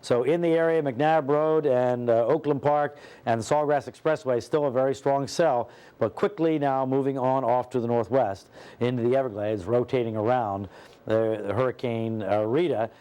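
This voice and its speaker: A man working as a TV weather forecaster, ad-libbing live radar commentary with hesitant pauses as he reads the map. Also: medium pitch, fairly even intonation, warm tone.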